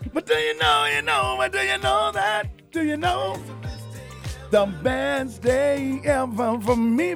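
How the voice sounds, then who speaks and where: A man singing a soulful serenade, with sweeping high falsetto runs. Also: vocal fry. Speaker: guest singer.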